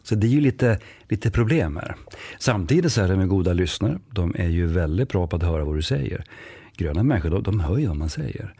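A man's voice: deep voice, slightly rough, no room sound. En man från norra Sverige med norrländsk dialekt som pratar i en podd och livligt spelar upp dialoger när han berättar. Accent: northern Swedish. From northern Sweden. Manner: lively storyteller, acts out dialogue. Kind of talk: podcast conversation.

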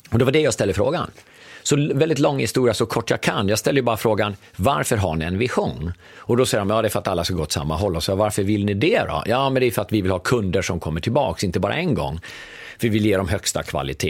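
A middle-aged man tells a story in a relaxed conversation and voices each person in it himself, his pitch leaping up and down as he goes. His voice is slightly husky and sits a little low. The sound is dry and close, with no room echo. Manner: animated storyteller acting out dialogue. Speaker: podcast guest.

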